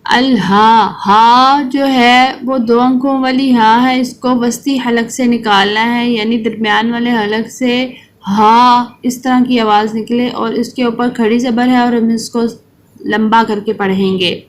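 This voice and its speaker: A higher-pitched woman leads a children's recitation lesson, her voice flat and even in tone. She draws out each verse slowly for pupils to repeat, then explains pronunciation more quickly. A faint hiss of background noise sits under the voice. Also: poor audio. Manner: slow, drawn-out recitation alternating with quick explanations. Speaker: Quran recitation teacher.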